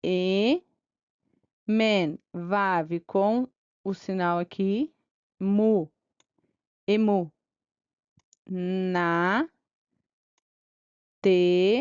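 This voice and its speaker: A woman's voice: medium pitch, fairly even intonation, extremely slow, long pauses, darkish tone, smooth, dry recording, highs cut off. A woman teaching Hebrew reading, sounding out syllables one by one and checking in with her students. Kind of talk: slow reading lesson, syllable by syllable.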